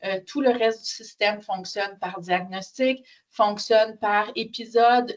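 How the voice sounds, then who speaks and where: A woman's voice: medium pitch, fairly even intonation, slow, highs cut off. A woman with a Quebec French accent, speaking spontaneously as a panel speaker and explaining her points.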